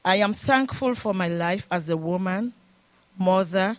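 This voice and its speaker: Speaking unhurriedly in a medium pitch, a foreign-accented grandmother is the guest speaker at a church service, where she delivers a sermon and fervent, repetitive prayers. The sanctuary recording is echoey, with music playing.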